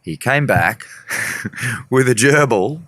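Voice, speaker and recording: A man's voice: mid-range voice, lively intonation, takes it slowly, bright, forceful tone, no room sound, clean studio sound. A man, a musician guest, telling a story in a rambling, casual way with frequent swearing. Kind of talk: casual storytelling in a podcast interview.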